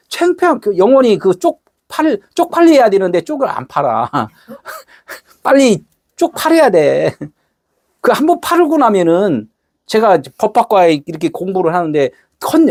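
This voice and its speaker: Animated pastor with a lively, swinging voice. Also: male voice, high voice, normal speed, no echo, clean studio sound. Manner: colloquial and animated, acting out short quoted exchanges. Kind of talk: sermon.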